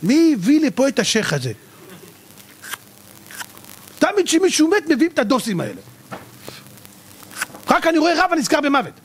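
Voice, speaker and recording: A man, a rabbi, giving a theatrical sermon who acts out the people in his stories. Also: high-pitched. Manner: theatrical, acts out people with shouting and mocking voices. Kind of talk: animated Torah sermon.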